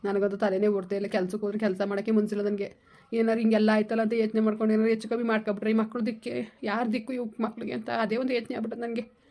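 A man's voice: sits high, monotone, quick pace, darkish tone. A man, talking with his wife in a casual family chat, earnest and lamenting. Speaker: husband in a family vlog. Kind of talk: casual heartfelt family talk.

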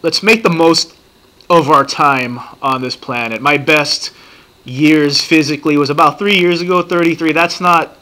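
A man in his thirties talking casually and profanely in a rambling, excitable way while reacting to a TV show at his computer. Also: on the high side, unhurried. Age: 30s. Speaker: vlogger reacting to a TV series.

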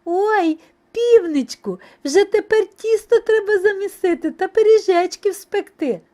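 Two lazy, playful little mice from a storybook, as a woman puts them on. They squeak in a very high voice that leaps around. Their words come slowly. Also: expressive, a little mellow, full character voice. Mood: squeaky. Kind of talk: storybook reading.

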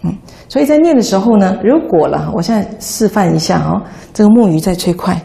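Woman, buddhist nun, dharma talk, patient teaching tone, gravelly, dark voice. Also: medium pitch, animated, fairly quick. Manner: patient, instructive, demonstrating chant rhythm.

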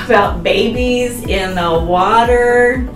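A woman's voice: a little high, slow pace. A middle-aged woman hosting a kids show, telling a children's story lesson with exaggerated wonder and simple, encouraging talk. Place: indoor room, green screen. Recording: roomy, distant mic, music underneath.

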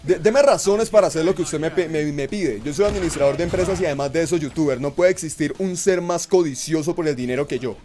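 A young man with a Colombian accent, commentating his live gaming stream in a brash, profane way, muttering asides and then yelling outbursts. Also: a little high, fast, few pauses, a little hiss or hum. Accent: Colombian Spanish. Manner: brash and profane, swinging between mumbled asides and yelled outbursts. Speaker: Twitch streamer.

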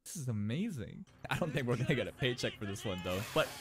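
A young man hosting an anime reaction video, talking casually with slang and swinging between loud outbursts and low muttered asides into a studio mic. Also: big pitch swings, quick pace. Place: small bright indoor room. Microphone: large studio mic on a boom arm.

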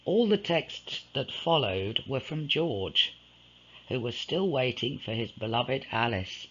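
A man reading a ghost story aloud in a slow, dramatic storytelling manner. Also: mid-range voice, expressive, a bit bright, breathy edge, highs cut off. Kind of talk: scripted ghost-story narration.

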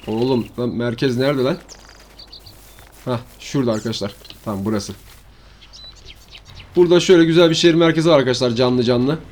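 A man's voice: mid-range voice, a little fast, pauses often, a little mellow, slight background noise. A man giving rambling, slangy commentary while showing a farming game map to his viewers. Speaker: gaming channel host. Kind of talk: casual gameplay commentary.

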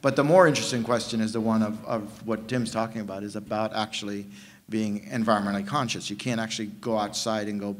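A man in his fifties, from Jamaica, speaking on a conference panel into a table mic, animated and prone to restarting his sentences. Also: lowish voice, quick pace. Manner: animated storytelling with frequent restarts. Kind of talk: panel discussion. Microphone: table mic on stand.

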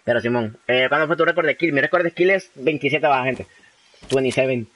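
A man's voice: fairly high pitch, fast, fairly bright tone. A young man from Honduras streaming a game live, chatting with viewers and tossing in English phrases. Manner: chatty, reads chat aloud, slangy, mixes in English phrases. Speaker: livestreaming gamer. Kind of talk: casual live gameplay commentary.

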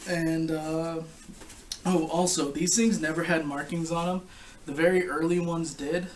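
A young man giving a casual, informal product review to camera, explaining things in a halting way. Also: fairly high pitch, level tone. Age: young adult. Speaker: gas mask collector and reviewer. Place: living room couch, indoors. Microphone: camera a short distance away. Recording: distant camera mic with background noise.

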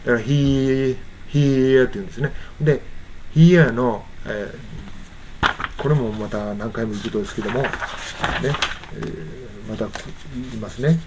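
A man's voice: lowish voice, noisy background. Man teaching song pronunciation. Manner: explains slowly, then sings lyric lines in English. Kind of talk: casual pronunciation lesson with sung examples.

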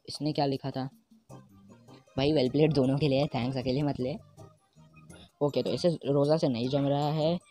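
Excitable male gamer over game music. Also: medium pitch. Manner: excitable, rapid panicked repetition of words. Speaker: mobile game player. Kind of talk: live gameplay commentary. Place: at home.

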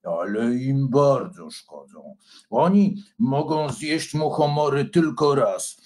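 A man voicing a calm, sensible male dragon in a children's storybook, talking in a slow, low and deliberate way. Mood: grumbling. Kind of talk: storybook character voice.

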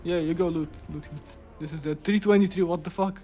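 A man on gameplay voice chat, making urgent, excited callouts and swearing during a fight. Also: on the high side, fairly quick, slight background noise. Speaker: gaming teammate.

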